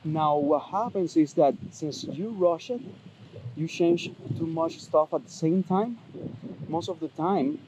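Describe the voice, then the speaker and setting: A fitness vlogger with a fairly high voice gives advice slowly in a casual outdoor vlog, a bit out of breath and chatty, with many fillers and restarts. He is outdoors by traffic on a windy day, and wind and traffic noise are audible.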